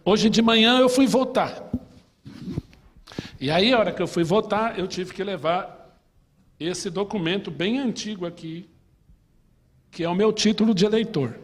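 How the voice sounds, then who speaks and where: A pastor with a Brazilian Portuguese accent teaches a Sunday school class in a chatty, conversational style, asking the class questions and sharing personal stories. His voice is high and his pace measured, with long pauses. The recording carries long reverb from the church hall where he speaks.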